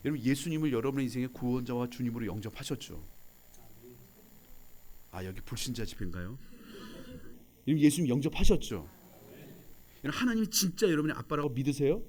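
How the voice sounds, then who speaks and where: A man in his thirties preaching a revival sermon as a pastor, telling stories about his son and quoting them in dialogue, and joking with the congregation. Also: mid-range voice. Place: church sanctuary.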